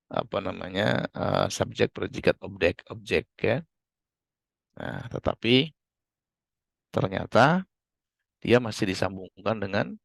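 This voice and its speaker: Man, Indonesian accent, university lecturer, patient repetitive explaining, gravelly fry, dry close sound. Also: lowish voice, dry recording. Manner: explains patiently, repeating key terms with many fillers. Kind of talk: online class lecture.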